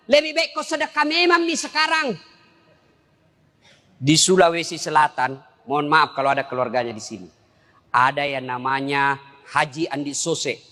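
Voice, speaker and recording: A man preaching a humorous sermon to a congregation. He talks in an animated way, jumps between high and low voices, and fires off rhetorical questions. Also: in a large hall. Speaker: Islamic preacher.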